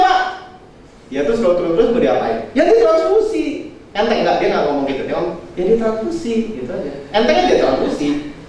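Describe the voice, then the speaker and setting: A man preaching in a storytelling style, acting out the dialogue with lively energy. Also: sits high, slight background noise. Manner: lively, animated retelling with acted-out dialogue. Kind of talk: storytelling sermon. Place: church hall. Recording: echoey hall, mic far off.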